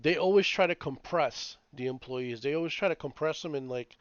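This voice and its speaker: A man in his late thirties rants on a casual podcast, cursing freely and circling back over his points. His voice sits a little high. The recording sounds dull and lo-fi, with a dry, close sound. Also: a little fast, no echo. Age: 30s. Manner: profane, rambling, animated ranting. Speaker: podcast co-host. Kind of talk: casual chat.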